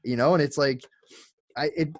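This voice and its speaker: A man's voice: on the high side, normal speed, no echo. A man in his thirties, a podcast guest talking in a rambling casual way with many fillers. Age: 30s.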